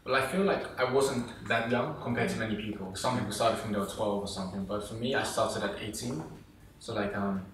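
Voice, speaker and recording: A man's voice: lowish voice, a little fast, distant mic, a little hiss or hum. A young man from England, a guest on a talk show, chatting casually and rambling with lots of fillers, recorded in an echoey room away from the mic. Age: young adult. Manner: relaxed, rambling, many fillers. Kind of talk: casual interview chat.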